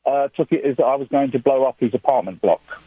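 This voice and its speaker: A man's voice: medium pitch, a little fast, slightly rough, no room sound. Man on a tinny phone line. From England. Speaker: caller. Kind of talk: phone-in chat.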